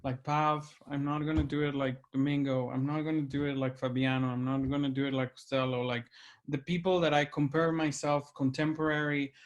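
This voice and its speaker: The recording is muffled, but the host's voice comes through as fairly high and flat, moving a little fast. He is a man with a Mexican accent leading a reflective conversation, speaking earnestly while searching for words.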